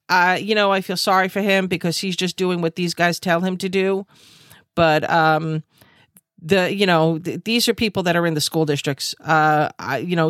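A fired-up woman rants straight into a video call, her voice low and dry. She repeats herself for emphasis and stumbles through fillers as her anger builds. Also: a bit bright, dry recording. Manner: angry, emphatic, repetitive, with many fillers. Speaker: host. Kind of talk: impassioned monologue.

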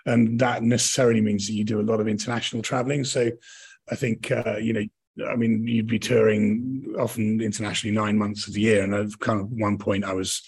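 A middle-aged British man, a touring actor and director, answers interview questions conversationally. His husky voice sits on the low side with little pitch movement and a slightly fast pace, and he rambles, often rephrasing himself mid-sentence.

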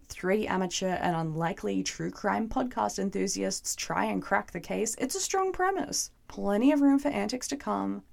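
Young woman, hoarse gravelly rasp, heavy vocal fry, middle pitch, chatty and wry TV recap. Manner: chatty, wry, playfully sarcastic. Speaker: TV reviewer. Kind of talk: casual episode recap and review.

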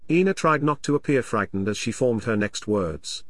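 A man narrating an audiobook in an expressive, measured storytelling style. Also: mid-range voice, dry recording. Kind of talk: scripted narration.

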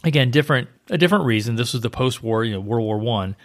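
A man's voice: medium pitch, expressive, fast talker. A man co-hosting a travel podcast, chatting casually and informatively about destinations. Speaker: podcast co-host, travel agent.

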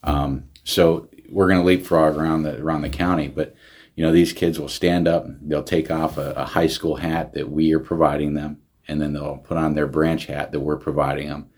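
Very deep husky man, earnest. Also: little pitch movement, moderate pace, a little mellow. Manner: earnest, many restarts and fillers. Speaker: county veterans service director. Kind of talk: casual interview talk.

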